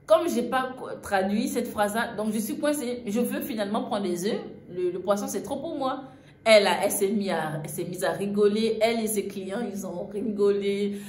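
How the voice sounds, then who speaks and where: A woman's voice: mid-range voice, moderate pace, a little mellow. Young woman rambling through a storytime, lots of "euh", roomy echo, bit of hiss behind. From Gabon. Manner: chatty, frequent fillers and "en fait". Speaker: vlogger telling a travel story. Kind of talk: casual storytime narration. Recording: echoey room, faint ambient noise.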